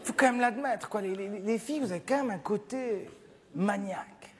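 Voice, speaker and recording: A man performing a stand-up comedy show on a theatre stage, animated and acting out little scenes. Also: high-pitched, normal speed, noisy background. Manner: animated, acts out scenes with shifting voices. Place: theatre stage with live audience. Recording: live theatre recording, hall reverb, audience laughter. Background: audience laughing.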